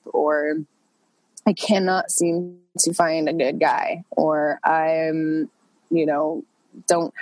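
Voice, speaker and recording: Congested from a cold, a woman with a lowish voice chats loosely while coaching an online group, stumbling through plenty of fillers and restarts. The recording is dry and the audio poor.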